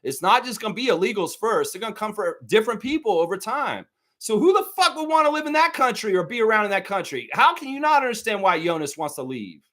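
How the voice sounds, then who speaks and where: A man's voice: high voice, big pitch swings, fast talker, sharp tone. A man hosting a live sports talk stream, ranting heatedly and swearing a lot while speaking straight to his viewers. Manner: profane, heated, repetitive ranting; addresses viewers directly.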